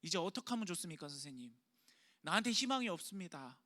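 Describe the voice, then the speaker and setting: A man's voice: sits high, big pitch swings, quick pace, bright, forceful tone, heavily acted. A man voicing a desperate father who begs for help for his sick son, in an urgent, pleading way.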